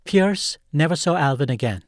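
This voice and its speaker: A man narrating a scripted segment in an even, composed way. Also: a little high, moderate pace, no room sound, studio quality. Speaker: host narrator.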